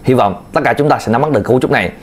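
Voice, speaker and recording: A man's voice: medium pitch, very fast, husky. A man teaching a video language lesson, patiently repeating key points to his learners. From Vietnam. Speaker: Chinese teacher.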